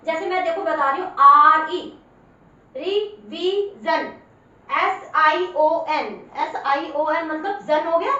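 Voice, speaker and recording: High-voiced woman teacher in an echoey room. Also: sharp tone. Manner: spells words out letter by letter, drawing words out slowly; patient, repeats each word for the learner. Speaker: English teacher. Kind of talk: spoken spelling lesson. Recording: very echoey room, far from mic, dull sound.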